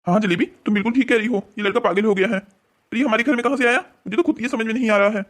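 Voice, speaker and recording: A voice actor playing a sly, smooth-talking young man in a cartoon story, coaxing and evasive. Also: medium pitch, very fast, fairly bright tone, lightly acted.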